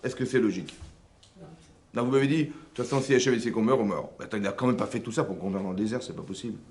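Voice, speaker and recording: Animated rabbi teaching a class. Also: male voice, fairly low pitch, very fast. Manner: animated, rhetorical questions, frequent checks on understanding. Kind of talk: lively religious lesson with questions to the audience. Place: seminary classroom.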